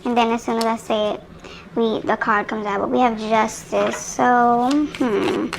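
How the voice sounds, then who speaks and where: Chatty woman with a gravelly edge. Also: on the high side, flat delivery, unhurried, background noise. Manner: chatty and rambling, addressing viewers directly. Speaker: tarot reader. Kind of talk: casual tarot reading to viewers. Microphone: phone microphone.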